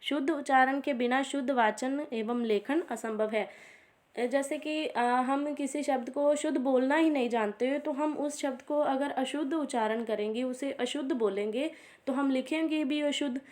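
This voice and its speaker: A woman's voice: sits high, moderate pace. A woman teacher giving an exam revision lecture, reading points off. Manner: steady list-reading, frequent "ठीक है जी" asides.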